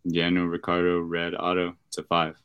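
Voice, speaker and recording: Low, flat-toned laid-back young man. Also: moderate pace, smooth, no echo, lo-fi sound. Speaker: podcast guest, card shop worker. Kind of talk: casual chat.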